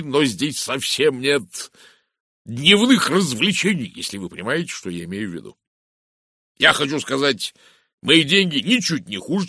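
Man voicing a loud vulgar businessman, boisterous gossip, dry close sound, animated. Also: mid-range voice, no echo, voice pushed up. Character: loud brash vulgar middle-aged English businessman.

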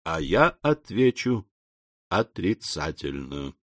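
A man's voice: low voice, sing-song, slow pace, a bit bright, no room sound, studio quality, voice pushed down, heavily acted. A man reading a composed, lecturing scholar. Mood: measured. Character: calm, learned middle-aged male leader. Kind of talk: audiobook character reading.

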